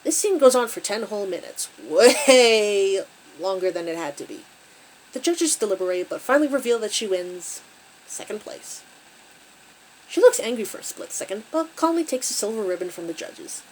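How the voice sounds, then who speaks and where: A woman's voice: medium pitch, sing-song, fast, a little mellow, a little hiss or hum, rough recording. A woman hosting her channel, recapping a creepy story with wry, conversational asides. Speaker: channel host and story reader.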